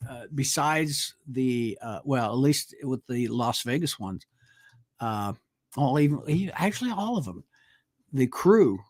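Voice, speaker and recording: Speaking at a measured pace in a medium-pitched, expressive voice, a male co-host keeps the talk-show chat casual. His tone is a little mellow, and he falters with lots of fillers when names escape him. The live-stream studio mic yields studio-quality audio with no room sound.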